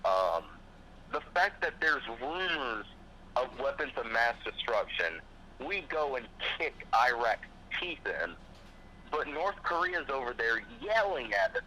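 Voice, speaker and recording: A man's voice: medium pitch, very animated, measured pace, bright, forceful tone, slight background noise, low-quality recording. A man talking casually as a podcast host, ranting in a profane, fired-up way and putting on mocking voices. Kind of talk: casual chat.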